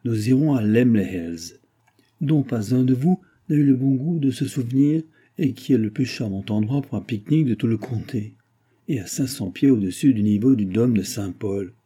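A man reading an audiobook and voicing a pompous, lecturing brewer's clerk who talks loudly and emphatically. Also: medium pitch, normal speed, slightly rough, lightly acted. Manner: lecturing, self-important, emphatic.

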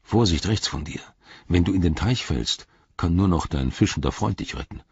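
A man voicing a gruff soldier in an audiobook, giving low whispered warnings. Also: lively intonation, normal speed, no room sound, lo-fi sound, full character voice. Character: gruff male soldier, grumbling.

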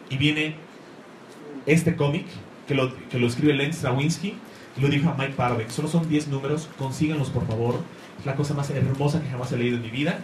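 A man giving an enthusiastic talk about comics to a live audience, rambling and searching for words. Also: medium pitch. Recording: echoey room, faint noise.

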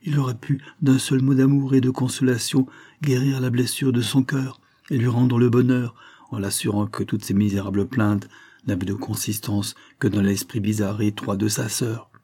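A man reading a novel aloud in a measured, expressive narration. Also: medium pitch, husky. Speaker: audiobook reader.

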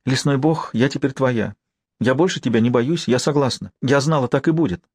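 A male audiobook reader voicing a frightened but eager young forest girl who talks in a quick, breathless patter. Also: mid-range voice, darkish tone, no room sound, lightly acted.

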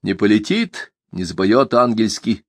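A man voicing an old, gentle and tired holy man who speaks patiently, in an audiobook. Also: on the low side, big pitch swings, a little slow, no echo, studio quality, full character voice. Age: older. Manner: soft, patient, calls others "son".

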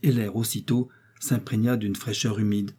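A man reading a classic story aloud as an audiobook narrator, in a measured storytelling manner. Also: lowish voice, flat delivery, warm tone, husky. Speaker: audiobook reader. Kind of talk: scripted literary narration.

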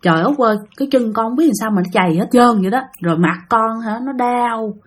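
Soft, bewildered young woman, as a woman acts her. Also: fairly high pitch, fast talker, natural voice. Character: dazed young woman, sore and confused after fainting.

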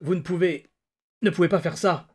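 A frightened teenage boy, voiced by a man reading a story aloud, pleading in a shrill, shocked voice that jumps high and loud. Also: slow, slightly rough, full character voice. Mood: panicked.

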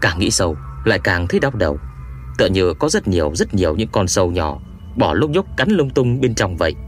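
A man reading an adventure audiobook aloud in a measured, expressive first-person storytelling manner. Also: low voice, faint music behind. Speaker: audiobook narrator. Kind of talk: scripted first-person narration.

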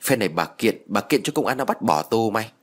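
A man voicing a spiteful, foul-mouthed old village woman who curses and wails in a shrill voice. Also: lively intonation, fast talker, a bit bright. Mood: cursing. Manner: shrill, cursing, wailing.

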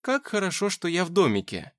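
A man's voice: sits high, wildly swooping pitch, a little fast, a bit bright, pitched above the performer's own voice, heavily acted. A man voicing a cheeky, bossy female smart-speaker assistant with a sassy, mock-servile manner.

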